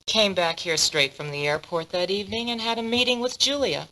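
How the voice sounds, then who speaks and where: An actress voicing a poised, businesslike female modeling agency boss in dubbed game dialogue, smooth and guarded. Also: mid-range voice, brisk, pushed and bright, poor audio. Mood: composed.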